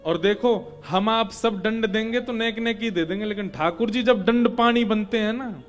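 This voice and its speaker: A man tells a devotional story sermon in a high voice, acting out the scene with dramatic turns. He chants old verses slowly between the telling. Faint instrumental music runs underneath. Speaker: kathavachak, Bhagwat storyteller.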